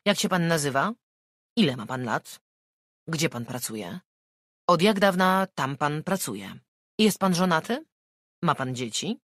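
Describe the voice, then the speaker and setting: A narrator reading an audiobook and voicing a calm detective asking even, probing questions. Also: medium pitch, unhurried, long pauses, no room sound, clean studio sound. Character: calm, methodical police detective.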